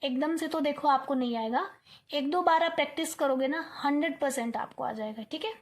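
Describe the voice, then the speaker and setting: A woman's voice: sits high, brisk. A young woman teaching an online lesson, coaxing her students, repeating words aloud to drill the sounds and checking in often. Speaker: English teacher.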